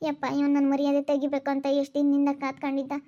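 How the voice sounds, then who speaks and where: A scolding village mother, played by a woman, muttering insults under her breath. The voice is high but flat. The recording sounds dull and lo-fi. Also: quick pace. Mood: grumbling. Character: scolding village mother, sharp-tongued and cursing. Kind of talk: amateur village skit acting.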